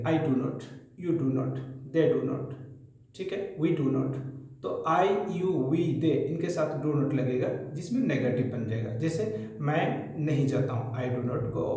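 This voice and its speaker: A man's voice: a little high, a little mellow. A man teaching a spoken English grammar lesson, patiently drilling example sentences one after another. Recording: very echoey room.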